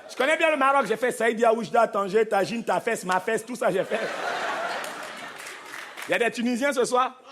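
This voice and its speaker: A male stand-up comedian performing an animated, playful set, bantering with the crowd and slipping into mock accents. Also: very high voice, normal speed, pauses often. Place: large theater stage before a live audience. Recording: live concert recording with crowd noise. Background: audience laughter and noise.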